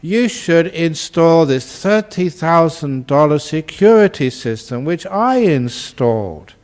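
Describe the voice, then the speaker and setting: A man voicing a scolding, know-it-all female neighbour in a story, speaking higher and louder than his own voice. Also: lively intonation, slow pace. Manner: scolding, emphatic.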